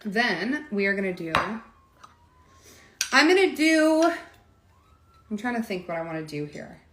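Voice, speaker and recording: A woman's voice: medium pitch, expressive, brisk, noisy background. Chatty woman demoing cocktails, echoey room. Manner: chatty, talks straight to viewers with many asides. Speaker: cocktail demo host. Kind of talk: casual live cocktail demonstration. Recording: echoey room with faint clatter.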